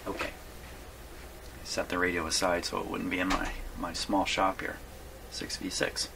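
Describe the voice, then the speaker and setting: Speaking in a deep voice at normal speed with a completely flat delivery, a man presents a radio repair video from his small home workshop. His hands-on demo is casual and rambling, full of self-questioning as he thinks aloud, and the recording is clearly noisy.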